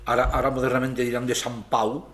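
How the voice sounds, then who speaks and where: An older man from Spain, a guest in an interview, telling stories from his childhood in an unhurried, hesitant way with many fillers. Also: medium pitch, little pitch movement, fairly bright tone. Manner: rambling, hesitant storytelling. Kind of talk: casual interview.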